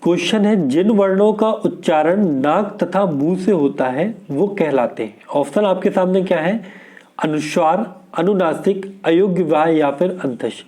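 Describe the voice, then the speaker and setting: A man's voice: sits high, measured pace, dark tone. A man teaching an exam prep lesson, going through questions steadily and asking and answering his own questions.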